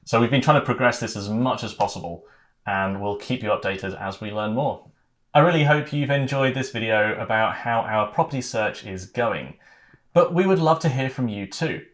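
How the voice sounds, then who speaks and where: Earnest man talking to camera, fairly low. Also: normal speed, fairly bright tone. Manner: earnest, thoughtful, with fillers. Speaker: vlogger. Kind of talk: casual vlog to camera.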